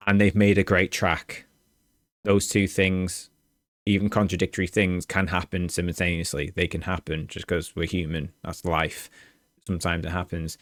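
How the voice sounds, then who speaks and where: Very deep male podcast co-host, measured and reflective, dry close sound. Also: no echo. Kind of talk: casual chat about game music.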